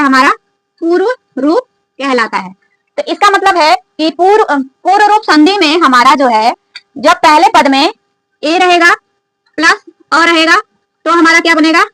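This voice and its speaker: A woman's voice: very high voice, measured pace, pauses often, sharp tone, dry recording, rough recording. A woman teaching a grammar lesson, who keeps asking her viewers questions and then answers them herself. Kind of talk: classroom-style grammar lesson.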